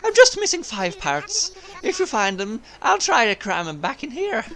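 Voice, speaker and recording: A man's voice: very high voice, huge pitch swings, normal speed, a bit bright, voice pushed up, full character voice. A man voicing a chatty shipwrecked male seagull sailor with a put-on Irish accent. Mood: cheery.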